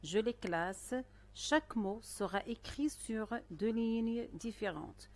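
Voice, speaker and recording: A woman teaching a primary school spelling lesson, speaking slowly and carefully with pauses between phrases. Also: a little high, darkish tone, slight background noise. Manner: slow, careful dictation-style delivery with pauses. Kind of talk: recorded online lesson.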